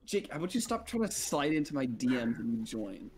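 A man's voice: mid-range voice, very animated, brisk, background noise. A man chatting during an online game, dry and sarcastic with his friends. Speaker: gamer streaming with friends. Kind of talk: casual gaming chat.

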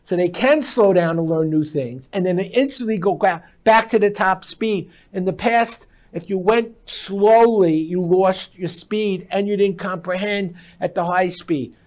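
In a TV-style studio at a glass desk, a man in his sixties who teaches speed reading talks as a guest expert over a lapel mic. His high, slightly mellow voice moves at a measured pace with few pauses. He instructs emphatically in short, declarative sentences.

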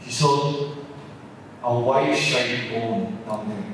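A man's voice: medium pitch, slow, slight background noise. A man telling a folk tale at a college fest, repeating words and restarting for drama. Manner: repetitive, dramatic, many restarts. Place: large hall at a college event. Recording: echoey hall, mic far off.

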